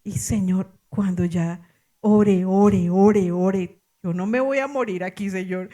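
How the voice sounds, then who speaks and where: Lively Colombian woman pastor telling a story. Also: medium pitch, slow. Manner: animated, laughing storyteller with exclamations. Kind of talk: sermon storytelling.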